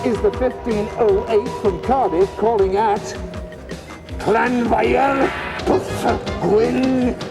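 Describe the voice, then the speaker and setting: A man doing a slow sing-song train station announcer. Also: very high-pitched, steady tone, gravelly, music in the background, pitched above the performer's own voice, full character voice. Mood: announcing.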